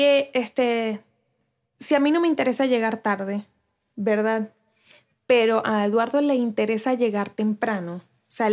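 A woman's voice: fairly high pitch, a little mellow. A woman vlogger talking casually to camera, giving relationship advice with rhetorical questions and frequent restarts. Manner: chatty, asks viewers rhetorical questions.

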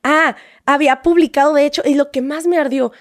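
High-voiced Mexican woman telling a story. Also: brisk, no room sound, clean studio sound. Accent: Mexican Spanish. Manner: animated, acts out quoted exchanges, frequent tag questions. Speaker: guest telling a personal story. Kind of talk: casual conversational storytelling.

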